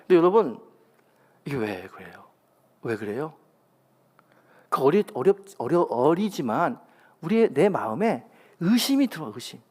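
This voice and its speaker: A male pastor preaches a sermon in a fairly high voice. He tells his stories with energy and acts out each quoted line, so his pitch swings widely between the narration and the characters. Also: a little slow, pauses often, husky. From Busan, South Korea. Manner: animated storyteller, acts out quotes with big pitch jumps. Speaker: senior pastor.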